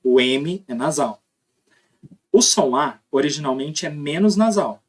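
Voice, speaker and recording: A man's voice: a little high, animated, unhurried, breathy edge. Brazilian man teaching phonology. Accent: Brazilian Portuguese. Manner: explanatory, demonstrates sounds aloud, frequent tag questions. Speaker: linguistics teacher. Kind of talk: recorded phonology lesson.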